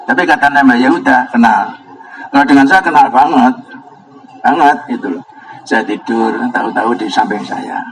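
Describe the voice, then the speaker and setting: A man's voice: mid-range voice, moderate pace, slight background noise, low-quality recording. A man with a Javanese accent giving a pesantren sermon as a kyai, rambling and chuckling, breaking into Arabic recitation. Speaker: kyai giving a religious lesson. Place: gathering at an Islamic boarding school.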